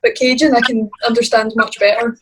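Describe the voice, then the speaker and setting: A woman's voice: a little high, little pitch movement, a little fast, a little hiss or hum. A woman chatting enthusiastically on a video call and laughing often. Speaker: fan on the call. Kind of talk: casual video call chat.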